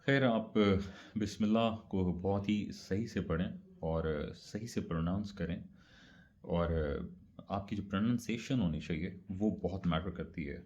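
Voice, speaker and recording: In a low, mellow voice, a man gives a casual explainer on religious practice, chatting conversationally, repeating his points, and slipping in English words. The recording's high frequencies are cut off.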